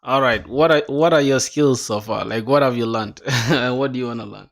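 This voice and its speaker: With a medium-pitched voice and a fairly quick pace, this young man streams himself coding and chats loosely with viewers. He talks in slang, says "bro," reasons out loud, mutters through docs, and bursts into excitement between readings.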